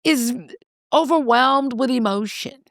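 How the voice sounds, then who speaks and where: A woman co-hosting a podcast, telling a story in casual chat, animated and swearing casually as she acts out what people said. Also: high voice, takes it slowly, no room sound, clean studio sound. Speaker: podcast co-host.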